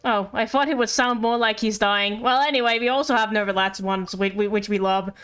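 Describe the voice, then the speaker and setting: A woman livestreams a game with its music playing behind her, giving chatty, playful, rambling commentary. Her mid-range voice is steady, fairly quick, a bit bright, clear and resonant.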